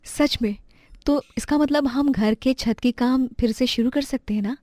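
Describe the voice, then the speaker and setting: A soft, encouraging young mother, as a woman voices her for a cartoon. Her voice is slightly high. The sound is dry and close. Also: unhurried, dry recording. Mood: caring. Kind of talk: cartoon voice acting.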